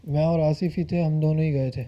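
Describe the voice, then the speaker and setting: A young man with a Pakistani Urdu accent, an arrested suspect answering questions quietly and hesitantly. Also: a little high, fairly even intonation, a little fast, muffled recording. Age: young adult.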